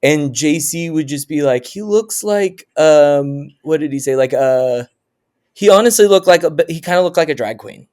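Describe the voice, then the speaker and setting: A guest co-host from Oklahoma tells rambling stories on a casual podcast, restarting a lot and laughing often. His voice is on the high side and clean, with a darkish tone, at a normal speed.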